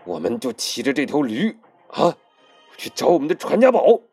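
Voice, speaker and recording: A performer voicing a battered, blustering older male martial arts master who talks slowly and groans in self-pity. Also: medium pitch, wildly swooping pitch, darkish tone, husky, faint music behind. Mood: commanding. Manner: slow, groaning, self-pitying boasts.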